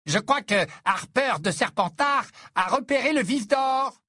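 A man's voice: very high voice, expressive, fast, bright, forceful tone, dry recording, studio quality, voice pushed up, exaggerated voice. A man voicing a haughty teenage boy commentator in a pompous, condescending way.

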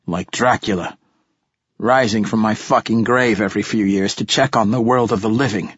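A man voicing a cranky, foul-mouthed ancient male poet who mumbles and curses in a raspy voice. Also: fairly low pitch, steady tone, moderate pace, dry recording, highs cut off. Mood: grumpy. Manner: coarse, grumbling curses.

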